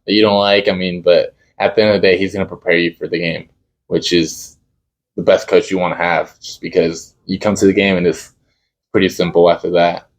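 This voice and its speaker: This deep, flat-sounding voice belongs to a young Dallas, Texas man who kicks for a college football team and grew up speaking Spanish. Answering interview questions in a relaxed way, he halts often and fills gaps while hunting for words.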